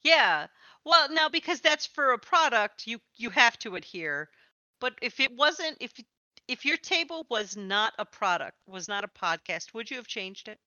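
A woman who is a podcast host, interviewer and game master leads a casual chat about tabletop games, sounding encouraging and reassuring. Her voice is on the high side, pushed and bright, with big pitch swings at a moderate pace. The recording is muffled, with no room sound.

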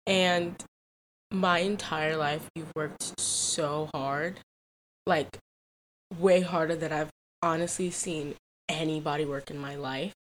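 A woman's voice: deep voice, steady tone, slow, slight background noise. A young woman in her late teens, co-hosting a casual podcast with her mother, speaking heartfelt and rambling. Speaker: podcast co-host, daughter. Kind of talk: casual chat.

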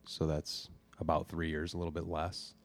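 A man in his twenties, a golf coach, recapping a meeting in relaxed podcast chat with fillers. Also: a bass voice, moderate pace, no room sound. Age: 20s. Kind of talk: casual chat.

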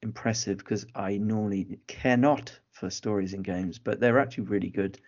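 A chatty man, co-hosting a podcast, gives his take on films with a low-set voice. He speaks easily and confidently. The sound is slightly dull and lo-fi. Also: fairly even intonation, normal speed, darkish tone. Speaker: podcast co-host. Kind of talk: casual film chat.

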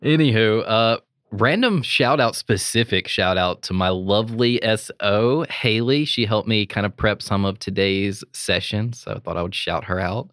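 A man narrating a tabletop game as game master, with upbeat, loud banter. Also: on the low side, normal speed, few pauses, no room sound, studio quality.

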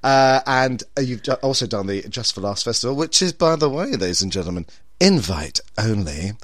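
A man hosts a podcast as a campy drag queen, gushing theatrically with plenty of endearments. His pitch is middling but swings widely and expressively. The sound is close and dry. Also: expressive, brisk, no room sound. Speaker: podcast co-host and drag queen horror presenter. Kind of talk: podcast banter and show introduction.

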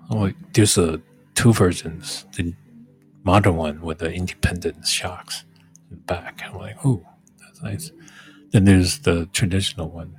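A man talks in a low, slow, somewhat rough-edged voice. He rambles casually like a streamer, halting and repeating phrases as he goes. Soft music plays faintly behind him. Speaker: livestream host.

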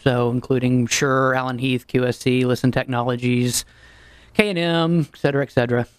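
A man who is a podcast guest and sales manager, brisk and matter-of-fact. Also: medium pitch, little pitch movement, clear, resonant tone, dry recording. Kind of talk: casual podcast chat.

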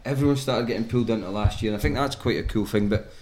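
A man's voice: lowish voice, fast, darkish tone. A man with a broad Scottish accent talking casually in a group chat. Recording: roomy, echoing room sound.

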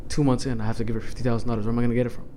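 A man's voice: medium pitch, level tone, rapid-fire, warm tone, a little hiss or hum. A young man in casual podcast banter, speaking emphatically and with lots of slang. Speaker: podcast panelist.

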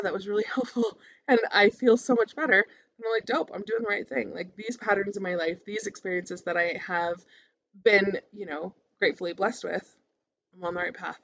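Calm therapist-voiced woman, slightly dull recording. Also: medium pitch. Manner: casual, conversational, encouraging. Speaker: therapist hosting a podcast. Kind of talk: informal motivational monologue.

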